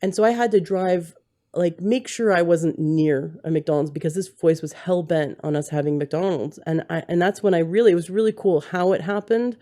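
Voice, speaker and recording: A woman podcast host with a lowish, mellow voice, talking candidly in a loose, rambling way. She tells her own story with plenty of restarts and self-corrections. She is recorded at home on a handheld mic. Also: normal speed. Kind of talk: candid conversational interview. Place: home setting, husband holding the mic.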